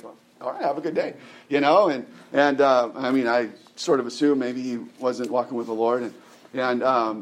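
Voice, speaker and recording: A man in his forties preaching a conversational sermon, rambling with lots of restarts and tag questions. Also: mid-range voice. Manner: rambling, many restarts and "right?" tags. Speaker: pastor.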